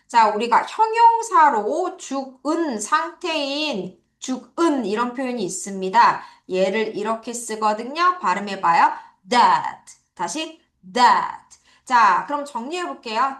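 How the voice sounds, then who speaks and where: A woman teacher giving an online vocabulary lecture, drilling pronunciation by slowly repeating words for her students. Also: a little high, sing-song, fairly bright tone. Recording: echoey room.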